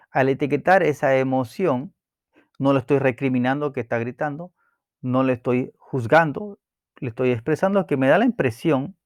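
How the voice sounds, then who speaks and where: A man calmly explaining a self-help book chapter, pausing with fillers and restarting words as he goes. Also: medium pitch, no echo, clean studio sound. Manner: calm, explanatory, with hesitations and repeated words.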